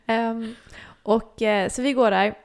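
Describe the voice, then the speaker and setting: Gravelly young woman telling stories. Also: on the high side. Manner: animated storytelling, acts out her own reactions. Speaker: podcast co-host. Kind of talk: casual chat.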